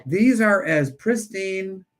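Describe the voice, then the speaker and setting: Chatty auction-host man, slightly high voice. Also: lively intonation, slow. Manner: chatty, joking, calls bids with once-twice counts. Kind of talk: casual live-stream auction chat.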